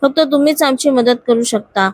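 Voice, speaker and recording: Woman reading as an earnest young office worker, pleading, loyal, high voice, dry close sound, storybook reading. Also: normal speed, dry recording.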